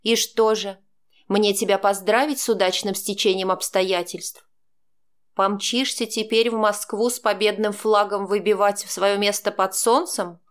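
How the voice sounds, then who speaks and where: A woman's voice: medium pitch, moderate pace, lightly acted. A woman voicing a cold, sarcastic middle-aged mother who speaks in a cutting, scornful way.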